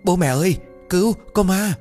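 A man's voice: high-pitched, normal speed, darkish tone, soft background music, voice pushed up, natural voice. A man voicing terrified village boys who shriek and stammer for help in an audio ghost story.

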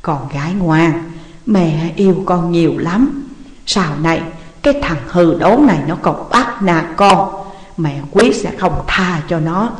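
A woman reading an audiobook voices a tender older mother, speaking lower and softly to comfort, in a roomy recording with long reverb. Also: a little slow, natural voice. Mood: tender soothing. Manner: soft, lower, comforting delivery.

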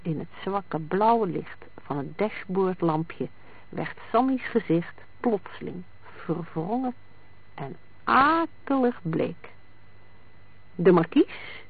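A reader narrating a crime story in a measured, even way. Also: medium pitch, vocal fry, breathy edge. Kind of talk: scripted crime-story reading. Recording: dry, tinny lo-fi sound.

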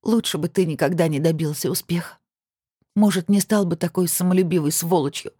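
A woman voicing a heartbroken young woman who speaks in a shrill, tearful, shouting way, in an audiobook. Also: fairly quick, breathy edge, dry recording, studio quality. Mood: bitter.

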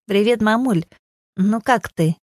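A woman voicing a kind young aunt who speaks gently and reassuringly in an audiobook. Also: mid-range voice, unhurried, no room sound, clean studio sound, close to an everyday voice. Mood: gentle.

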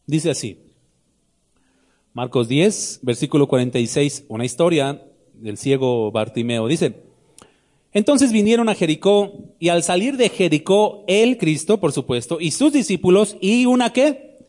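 Pastor, man, somewhat high-pitched, lively sermon delivery full of questions to the flock. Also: unhurried. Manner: animated preaching, asks the congregation questions, shouts the blind man's cry high.

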